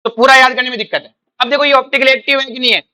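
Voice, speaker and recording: A man's voice: very high-pitched, fairly even intonation, racing, bright, forceful tone, clean tone. A male chemistry teacher, coaching exam students by firing questions and repeating the answers back. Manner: quizzing students, calling them "beta", repeating answers. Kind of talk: coaching lecture with call-and-response.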